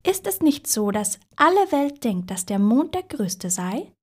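Woman doing a shrill boastful little puddle. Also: sing-song, a little slow, a little mellow. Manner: shrill, self-important. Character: proud boastful puddle, female, small.

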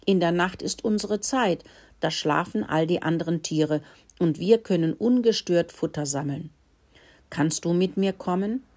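A woman voicing a sensible young female mouse who scolds in a squeaky voice. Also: a little slow, darkish tone. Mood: earnest.

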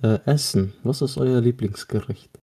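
A man's voice: mid-range voice, normal speed, mellow, breathy edge. A teenage boy from Russia co-hosting a casual chat with friends, teasing and joking in slangy talk. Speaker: podcast co-host.

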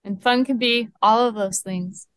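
A young woman co-hosting a podcast who leads the questions in a brisk, decisive, casual way. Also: on the high side, fairly even intonation, clear, resonant tone, no echo. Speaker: podcast co-host. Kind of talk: casual chat.

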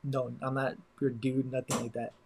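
A young man talks through a casual podcast chat at an ordinary middle pitch. He rambles and leans hard on "like" and "you know" as he gathers his thoughts. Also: level tone, moderate pace, darkish tone, breathy edge, poor audio. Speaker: podcast co-host.

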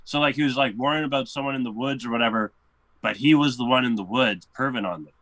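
A man with a bright, forceful voice chatting casually on a podcast, recorded dry and close with no room sound. He is laid-back and tends to push back with his own opinion. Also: mid-range voice, fast talker, dry recording. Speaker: podcast co-host. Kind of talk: casual chat.

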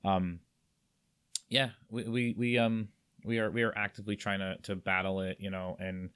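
A man in his thirties hosting a casual podcast chat, talking in halting bursts full of restarts and fillers. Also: on the low side, flat delivery, fairly bright tone, clear, resonant tone. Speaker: podcast host.

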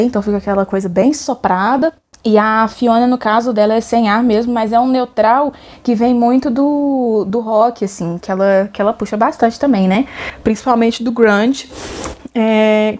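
A woman's voice: fairly high pitch, darkish tone. A woman with a Brazilian Portuguese accent talking casually about a singer's voice, chatty and searching for words, often checking in with "sabe?". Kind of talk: casual music discussion.

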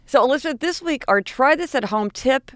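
A woman's voice: sits high, expressive, a little fast, a bit bright, no room sound, clean studio sound. An American woman co-hosting a casual podcast, enthusiastic and often restarting her phrases. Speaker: podcast co-host.

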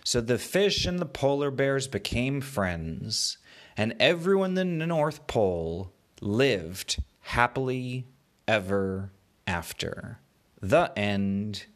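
A man's voice: mid-range voice, lively intonation, takes it slowly. A man narrating an improvised bedtime story as a children's storyteller, in simple, repetitive phrases for young listeners. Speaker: children's storyteller, podcast host.

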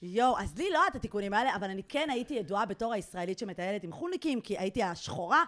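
A woman's voice: medium pitch, lively intonation, fairly bright tone. A young woman, a podcast co-host, chatting and teasing in a casual conversation. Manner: chatty, teasing, quick reactions. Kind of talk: casual chat.

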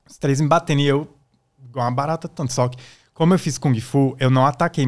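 A man's voice: medium pitch, a little mellow. A man, a guest musician, telling a personal story in a casual way and acting out the voices of the people in it. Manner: acts out the voices in his stories.

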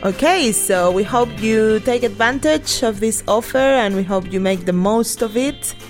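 A woman's voice: on the high side, unhurried, faint music behind. A native Spanish-speaking woman co-hosting an educational language podcast, mixing Spanish and English in Spanglish as she talks.

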